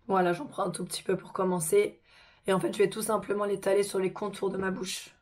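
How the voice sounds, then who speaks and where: A woman hosting a casual makeup tutorial, chatty and informal, her voice hoarse from a sore throat. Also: medium pitch, level tone, a little fast, darkish tone.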